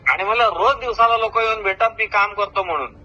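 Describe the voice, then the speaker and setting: On a recorded phone call, an older man, a retired government officer with a Marathi accent from Maharashtra, argues heatedly and informally. His voice is high-pitched, bright and forceful, and he speaks fairly quickly, boasting and confronting at length.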